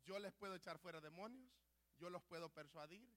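A man preaching a sermon, voicing God as a gentle, pleading father in a soft, low, hushed voice. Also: moderate pace. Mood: tender, pleading.

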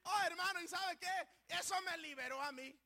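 Very high-voiced, fervent male preacher. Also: moderate pace. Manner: impassioned, swings between shouting and soft pleading; mixes in short English phrases. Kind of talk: sermon.

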